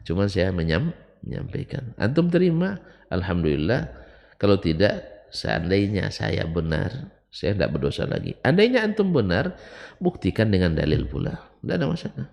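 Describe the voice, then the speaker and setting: A middle-aged man with a deep, gravelly voice teaches a religious lesson. He talks conversationally and swings widely in pitch, jumping up for emphasis. The sound carries a long hall reverb. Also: very animated, normal speed, darkish tone. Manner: conversational, recounts anecdotes with emphatic rising bursts. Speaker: Islamic teacher. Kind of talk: religious study lecture.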